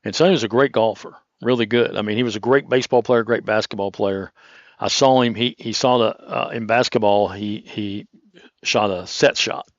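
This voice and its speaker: A man's voice: fairly low pitch, normal speed, dry recording. Male golf commentator, chatty, dull dry recording. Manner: chatty, anecdotal, rambling. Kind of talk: relaxed, conversational golf commentary.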